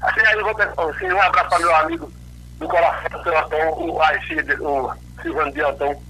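A man's voice: fairly high pitch, steady tone, fast talker, bright, forceful tone. A man from Northeast Brazil, calling in to a radio show over a crackly cordless phone line and rambling through greetings to his friends. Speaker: radio call-in listener. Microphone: telephone.

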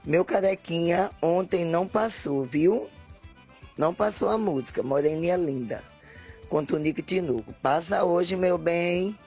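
A woman's voice: on the low side, unhurried, dark tone, husky, faint music behind. A woman with a Brazilian Portuguese accent leaving a song request for a radio show. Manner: chatty, asks for a song and sends greetings. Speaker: caller.

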